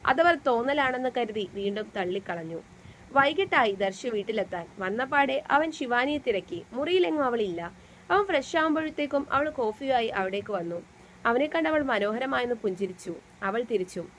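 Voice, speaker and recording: A woman reads a serialized story aloud in a steady, dramatic way, her voice fairly high. A faint hiss of noise sits under the recording. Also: normal speed, poor audio.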